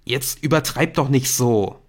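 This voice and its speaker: A man's voice: mid-range voice, measured pace, natural voice. A man reading an audiobook, voicing a defensive teenage schoolboy who brushes off his friend's worries. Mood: dismissive. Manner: dismissive, brushing things off. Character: defensive teenage schoolboy hooked on a secret game. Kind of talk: audiobook character voice.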